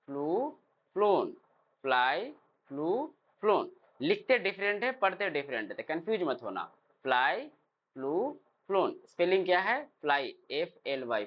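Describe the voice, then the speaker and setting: A man teaching English verbs, who drills the word forms aloud and asks his class questions. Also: on the high side. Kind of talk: classroom lesson. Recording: dull lo-fi sound.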